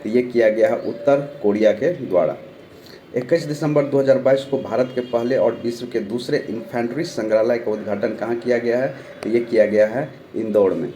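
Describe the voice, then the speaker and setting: The voice is medium-pitched, dark and mellow, and brisk, belonging to a young Bihari teacher with a sore throat. In his online current-affairs session he poses each question, gives its answer, and repeats names to remember over faint background noise.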